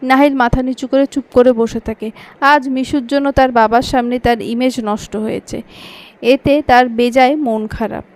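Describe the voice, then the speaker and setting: A woman's voice: fairly high pitch, fairly even intonation, moderate pace. Woman reading an audio story.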